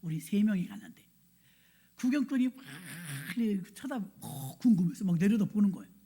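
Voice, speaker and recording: In a church sanctuary, a woman pastor preaches a sermon built around a personal story. Her medium-pitched voice is slightly rough and fairly quick, and she animatedly acts out scenes along with her own quoted thoughts.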